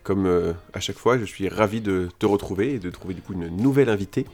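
A man's voice: low-pitched, fast, darkish tone. A man, a returning podcast guest, chatting in a friendly, easygoing way. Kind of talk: casual podcast chat.

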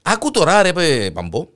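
A man's voice: fairly high pitch, wildly swooping pitch, a bit bright. A man with a Greek Cypriot accent co-hosting a show, bantering casually and teasingly over odd news in colloquial speech. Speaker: co-host of a comic news show.

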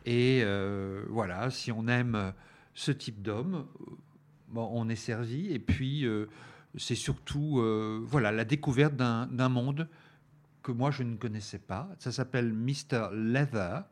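A man talks through a film selection at an unhurried pace. His voice sits at an ordinary middle pitch, and he keeps stopping to search for words. The hesitant, filler-heavy delivery sounds like casual review chat. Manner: hesitant, many fillers and restarts. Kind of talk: radio-style review chat.

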